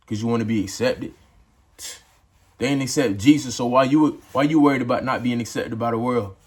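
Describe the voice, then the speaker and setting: Young adult male vlogger, casual preachy tone, mid-pitched voice, talks to camera as if to a friend. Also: brisk, darkish tone, breathy edge. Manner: casual, preachy, addresses viewers as bro and dog. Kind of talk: motivational talk to camera.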